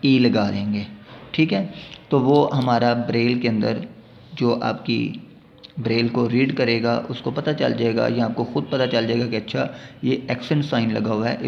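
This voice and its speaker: Gravelly man teaching with Pakistani accent. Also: mid-range voice. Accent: Pakistani Urdu. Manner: explains step by step, often checks in with a quick "theek hai". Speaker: braille teacher. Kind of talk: spoken lesson. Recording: dull lo-fi recording with faint noise.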